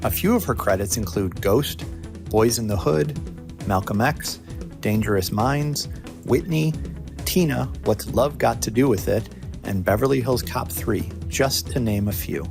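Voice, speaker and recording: A man's voice: mid-range voice, a little slow, creaky, music in the background. A man hosting a podcast interview, reading a scripted introduction and asking upbeat questions. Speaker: podcast host.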